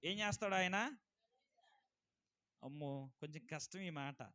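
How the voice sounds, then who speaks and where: A male pastor preaching a sermon, swinging from loud exclamations to quiet asides and asking the congregation questions. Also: sits high. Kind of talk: Telugu church sermon.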